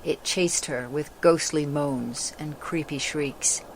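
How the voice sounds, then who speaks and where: In a low voice, a woman reads a children's story as dramatic, scripted narration, taking her time. There's some background noise behind her.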